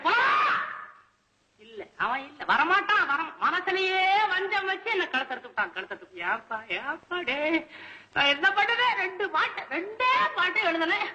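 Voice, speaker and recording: A man's voice: extremely high pitch, big pitch swings, normal speed, noisy background. A man playing a poor, panicky male poet in a comic scene reenactment, whining and wailing.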